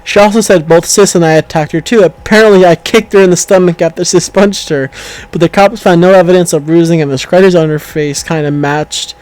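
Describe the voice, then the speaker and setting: A man with a fairly high voice reads a story aloud in a casual, unpolished way. He trips over words and backs up to fix them, speaking into a home mic over an online call. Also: fairly even intonation, brisk, darkish tone, rough recording. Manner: reads aloud with stumbles, self-corrections and laughter. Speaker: co-host reading stories aloud. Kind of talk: casual reading of online stories.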